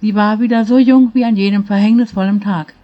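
Calm woman reading a fairy tale. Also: mid-range voice, highs cut off. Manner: calm, measured, even reading. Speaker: storyteller.

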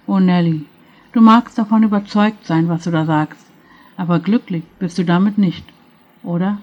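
A woman voicing a gentle, patient middle-aged man who guides a lonely woman, speaking kindly and earnestly in a storybook reading. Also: on the low side, fairly even intonation, normal speed, lo-fi sound, close to an everyday voice.

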